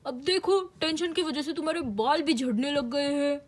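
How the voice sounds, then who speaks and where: A woman's voice: high-pitched, normal speed, natural voice. A woman voicing an easygoing husband who mildly scolds his wife, in a doll-play story. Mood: scolding calm.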